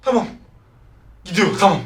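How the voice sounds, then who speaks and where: A woman hosting a horror reaction video, jumpy and excitable, shrieking, laughing nervously and talking straight to her viewers. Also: medium pitch, moderate pace, roomy sound. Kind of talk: reacting to a horror short film.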